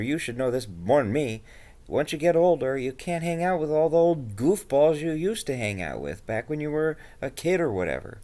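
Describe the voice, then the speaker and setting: A man's voice: medium pitch, darkish tone. A man talking casually in an improvised role-play, blunt and offhand, with a dismissive streak.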